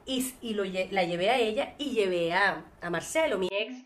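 A woman with a Venezuelan accent, a singer as interview guest, telling her story in a lively way and acting out the voices she quotes. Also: medium pitch, normal speed.

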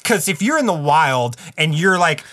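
Rambling storyteller man with a bright voice. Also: fairly high pitch, normal speed. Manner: rambling and animated, heavy filler words and swearing. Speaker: podcast co-host telling a story. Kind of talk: casual storytelling chat.

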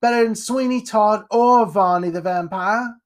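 A cheeky young newsboy chirps in a high, bright voice, as a man puts him on. He talks back with a saucy, street-wise manner. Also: lightly acted. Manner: cheeky, quick.

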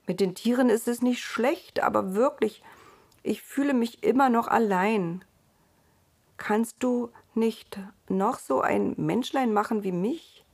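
Earnest, lonely Adam for a storybook, pleading and slow, read by a woman. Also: fairly high pitch, a little mellow, slightly rough, voice pushed up, exaggerated voice.

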